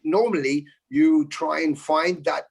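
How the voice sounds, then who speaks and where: A man's voice: on the high side, fairly even intonation, measured pace, gravelly, slightly rough. A man, a metal musician chatting casually on a video call and talking in long runs with casual swearing.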